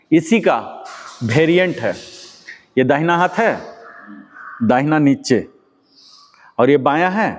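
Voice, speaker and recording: A man leading a yoga class, giving patient step-by-step instructions and quizzing his students. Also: a little high. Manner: patient, repeats key words and quizzes students. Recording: long hall reverb.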